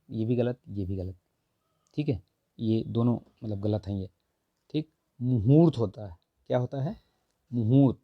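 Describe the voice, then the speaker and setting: A man with a hoarse, strained throat teaching a Hindi grammar lesson for an exam, going through test answers and repeating "okay" often. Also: mid-range voice, dry recording, dull audio. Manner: repeats "theek hai" constantly, corrects answers with mild humor.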